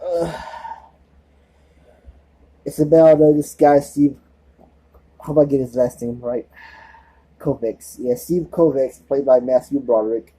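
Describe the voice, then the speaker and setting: Husky man with a lisp, rambling. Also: mid-range voice, level tone, a little slow, long pauses, mellow, poor audio. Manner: rambling, loses track and restarts often. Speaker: movie reviewer. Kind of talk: casual spoken movie review.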